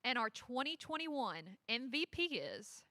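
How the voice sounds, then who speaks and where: A woman's voice: fairly high pitch, sing-song, unhurried, pushed and bright, no room sound. A woman hosting a live telethon, reading award nominees and a donation phone number, giggling between announcements. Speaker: telethon host.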